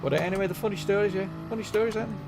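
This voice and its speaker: Gravelly man telling a story. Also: sits high, rapid-fire, background noise. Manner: chatty, keeps adding "right?" and "you know what I mean?". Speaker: live-stream host. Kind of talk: casual anecdote telling.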